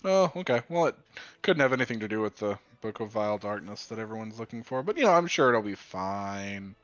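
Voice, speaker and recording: Man as a sly male fixer, nonchalant, teasing, very animated intonation, tabletop role-play, dry muffled sound with music. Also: fairly low pitch, fairly quick, no echo. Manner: casual, teasing, evasive.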